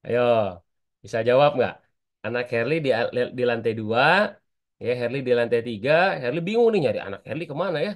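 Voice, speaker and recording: A man's voice: medium pitch, animated, quick pace, highs cut off. Man, public speaking trainer, online class, chatty, keeps quizzing the students.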